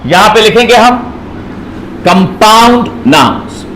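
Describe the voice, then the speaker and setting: In a classroom grammar lesson full of echo and light background noise, a man teaching English speaks slowly in a high, lively, fairly bright voice. He spells out words letter by letter and addresses students as "beta."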